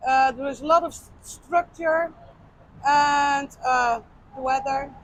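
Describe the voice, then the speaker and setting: Dutch woman, high voice, slow simple english, a bit of traffic behind. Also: poor audio. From Netherlands. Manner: simple short phrases, unsure of her English. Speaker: interviewee. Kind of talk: casual street interview.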